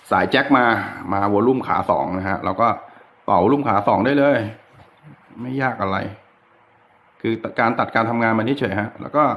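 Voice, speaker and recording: In a casual, hands-on DIY guitar electronics tutorial, a man with a fairly low pitch and fairly bright tone talks informally and without a script. He is an adult with a child, and his delivery is easygoing and chatty.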